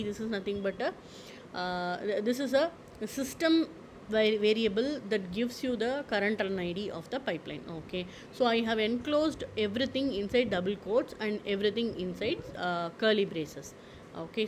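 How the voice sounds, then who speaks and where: A woman presenting a screen-recorded software tutorial, explaining step by step with frequent fillers and repeated "okay"s. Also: mid-range voice, slight background noise, low-quality recording.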